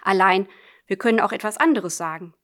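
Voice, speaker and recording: A woman reads a literary story aloud in the voice of a letter writer. Her delivery is measured and earnest, speaking to a close friend. Her pitch sits in the middle range. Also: a bit bright. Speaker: audiobook reader. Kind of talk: literary audiobook narration, letter form.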